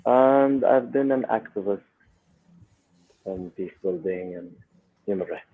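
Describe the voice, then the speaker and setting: A man's voice: on the low side, slow, narrow, tinny audio, a little hiss or hum. A man from Jerusalem introducing himself as an activist and panel guest, composed and matter-of-fact.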